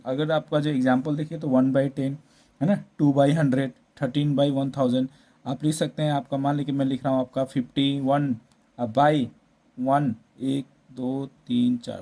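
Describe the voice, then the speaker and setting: In a mid-range, dark-toned voice, a man delivers a maths lesson the way a teacher would in class. He goes step by step, blending English number words into his Hindi and regularly checking in with tag questions.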